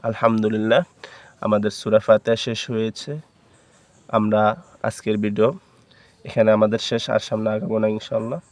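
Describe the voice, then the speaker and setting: A man with a Bangladeshi Bengali accent teaching Quran reading, spelling out each letter and vowel mark one by one, then reciting the words slowly and drawn out. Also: fairly low pitch, completely flat delivery, a little mellow, no echo.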